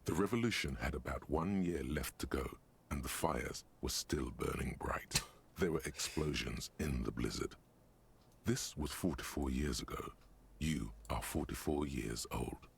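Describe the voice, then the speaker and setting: A man voicing the narrator of a grim detective game, delivering measured, atmospheric, wry scripted narration. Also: extremely low pitch, gravelly, husky, full character voice.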